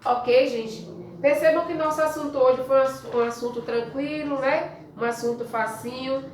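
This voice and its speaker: A woman's voice: sits high, fairly even intonation, normal speed, a little hiss or hum. A Brazilian woman teaching a spelling lesson to young children, speaking patiently and drawing out example words while asking the class questions. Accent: Brazilian Portuguese. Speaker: primary school teacher. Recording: echoey room, voice from far off the mic.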